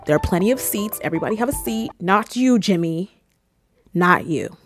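This YouTuber, a Cameroonian woman in her twenties, has a medium-pitched voice and a moderate pace, with faint music playing behind her. Holding a close handheld mic in a small red-lit room, she chats animatedly to camera, joking and letting out squealed asides.

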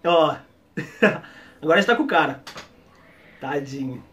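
Excitable high-voiced Brazilian guy. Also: measured pace, dull audio. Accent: Brazilian Portuguese. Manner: excitable, laughs often, slangy. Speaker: anime reaction YouTuber. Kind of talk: casual reaction commentary.

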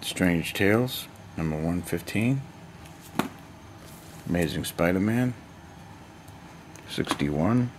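A man's voice: low-pitched, expressive, takes it slowly, pauses often. An older man in a cluttered basement, chatting casually as he lists one item after another, recorded on a handheld camera mic. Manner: rambling, chatty, listing items one by one. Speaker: collector showing his hoard. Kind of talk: casual unboxing vlog. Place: cluttered basement storage room. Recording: noisy home camera audio.

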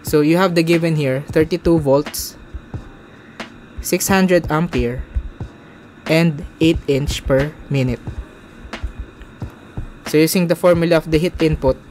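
A man's voice: fairly high pitch, darkish tone, a little hiss or hum. A young man in his twenties teaching a welding calculation step by step, recorded at a desk webcam indoors. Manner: slow, step-by-step explaining. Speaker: welding instructor. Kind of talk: narrated whiteboard tutorial. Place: indoors, small room.

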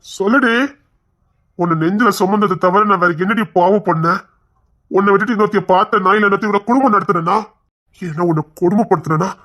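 An actor playing an obsessive, bitter husband in an audio drama, pressing with accusing questions. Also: male voice, fairly high pitch, steady tone, moderate pace, long pauses, close to an everyday voice. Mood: aggrieved. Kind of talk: Tamil audio drama acting.

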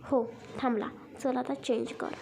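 A woman voicing a patient, caring young man who coaxes and gently scolds. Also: high voice, fairly even intonation, unhurried, creaky. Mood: coaxing.

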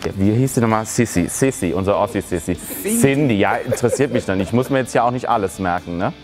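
A man's voice: lowish voice, lively intonation, fast talker. A man performing as a drag queen, delivering a catty comedic roast of fellow contestants with mocking, giggly jabs. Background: loud music.

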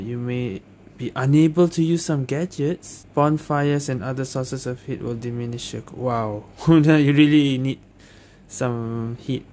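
A gaming video host with a mid-range, slightly mellow voice plays an action RPG, muttering his reactions and reading game text aloud in casual commentary. Game music and effects play behind him, with a little hiss or hum in the audio.

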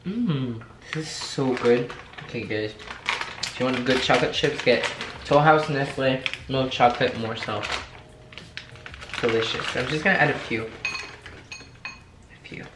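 A man's voice: mid-range voice, normal speed, background noise. A young man from France, chatting playfully and joking at himself while demonstrating recipes in his home kitchen. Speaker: cooking vlogger. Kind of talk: casual cooking demonstration. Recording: echoey kitchen with clattering dishes.

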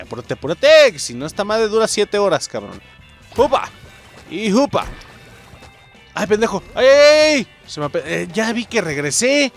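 A man with a Mexican accent doing excitable let's-play commentary, swearing and exclaiming at the game while talking to viewers. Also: high-pitched. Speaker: gameplay commentator.

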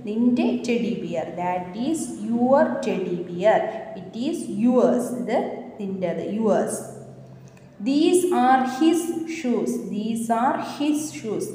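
A woman teacher, drilling young children through an English vocabulary and grammar lesson, reading English phrases slowly. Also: mid-range voice, mellow, very echoey, in a large hall, slight background noise, poor audio. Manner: slow, sing-song drilling of words, English phrases read very slowly.

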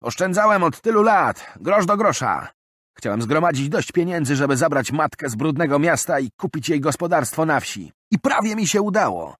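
A man's voice: on the high side, very animated, normal speed, a bit bright, no room sound, studio quality, voice pushed up. Storybook figure: a man playing a robbed bald traveler, pleading, tearful, voice pushed well up. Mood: aggrieved, despairing. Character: stocky bald robbed man, despairing and indignant.

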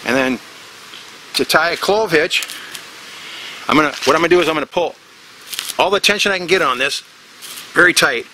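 A man's voice: fairly high pitch, moderate pace, long pauses, sharp tone, slight background noise. A middle-aged man showing a knot step by step in a tropical forest, talking plainly and repeating himself as he works. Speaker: bushcraft instructor. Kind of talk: casual outdoor knot demonstration.

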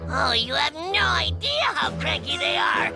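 A woman voicing a brash, spirited teenage girl hero with a gravelly voice. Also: high-pitched, wildly swooping pitch, measured pace, loud music behind the voice, heavily acted. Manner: brash, shouty.

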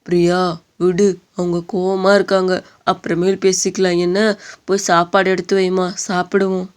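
A patient young husband in a cartoon story, played by a woman, coaxing and soothing in a flat, even line. The tone is clear and smooth, at a middle pitch. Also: moderate pace, natural voice. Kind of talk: animated story dub.

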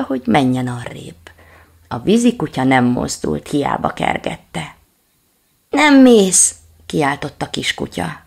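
A woman reading a children's story aloud, in a lively, expressive manner, with a husky, gravelly voice. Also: a bass voice. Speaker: audiobook reader. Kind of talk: storybook narration.

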